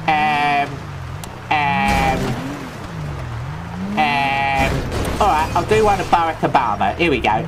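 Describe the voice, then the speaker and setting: In comedic gameplay commentary, a man with a London Cockney accent plays a loveable, daft Cockney thief, rambling through chatty, absurd deadpan asides. His voice sits fairly high, and the acting is light.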